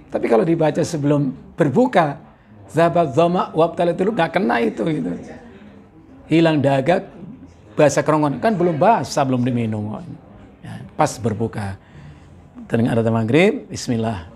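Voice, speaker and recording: Gravelly-voiced preacher. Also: male voice, on the high side, moderate pace, long pauses. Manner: animated, breaks into laughs, quotes Arabic. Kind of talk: sermon.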